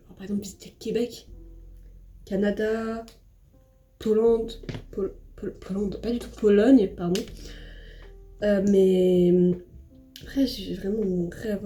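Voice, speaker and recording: Chatty young French woman, mellow voice. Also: fairly high pitch. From France. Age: young adult. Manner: chatty, rambling, self-deprecating, with many fillers and restarts. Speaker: vlogger. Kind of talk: casual chat while doing makeup. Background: soft background music.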